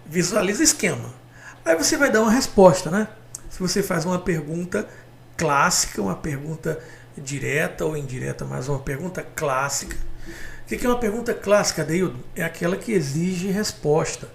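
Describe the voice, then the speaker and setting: High-voiced Brazilian teacher with gravelly edge. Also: male voice, expressive, normal speed. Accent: Brazilian Portuguese. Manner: chatty, calls viewers "galera", points things out with "ó". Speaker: Portuguese teacher. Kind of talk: video grammar lesson.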